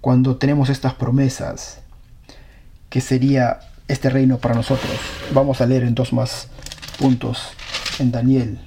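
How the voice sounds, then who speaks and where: A man's voice: mid-range voice, completely flat delivery, a little slow, warm tone, a little hiss or hum. A man preaching a sermon, reading scripture aloud and earnestly questioning his congregation.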